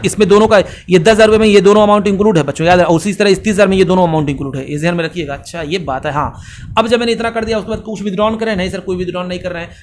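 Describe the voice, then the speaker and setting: Fast-talking high-voiced male teacher. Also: a little hiss or hum. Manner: fast-talking, asks questions and answers them himself. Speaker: accounts teacher. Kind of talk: fast classroom lecture.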